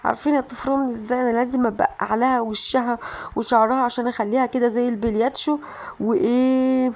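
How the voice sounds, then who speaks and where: Excitable Egyptian woman narrating gameplay. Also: fairly high pitch, quick pace. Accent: Egyptian Arabic. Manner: excitable, chatty, talks straight to viewers with sudden shouted reactions. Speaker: gaming channel host. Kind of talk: mobile game playthrough commentary.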